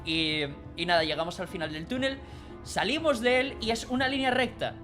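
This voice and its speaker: A streamer telling a story in a casual, rambling way. The voice sits at a middle pitch and is animated, with many restarts, and dips low and quiet for side remarks. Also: moderate pace, faint music behind.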